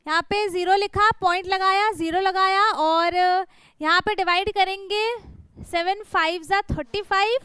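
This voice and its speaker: A woman's voice: very high voice, pushed and bright, no room sound. A woman maths teacher explaining division step by step, patiently talking to her students and often checking in with "right?". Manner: speaks directly to students, patient and encouraging.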